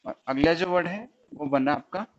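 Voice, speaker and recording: Man, stenography teacher, slightly high voice, explains step by step, repeats each sound, dull lo-fi recording. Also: moderate pace. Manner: keeps checking whether students follow. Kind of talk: recorded lesson.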